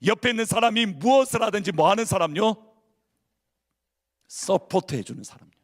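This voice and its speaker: A man's voice: high-pitched, expressive, moderate pace. A male pastor preaching a sermon in a church, asking the congregation questions and acting out people's inner worries. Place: church sanctuary.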